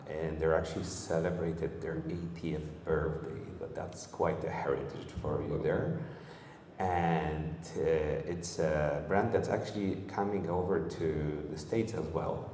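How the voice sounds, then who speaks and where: Very deep-voiced man hosting a panel. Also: a little mellow. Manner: friendly, halting, many uh fillers. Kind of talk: convention stage presentation. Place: convention hall stage. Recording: roomy echo, long hall reverb, faint hall noise.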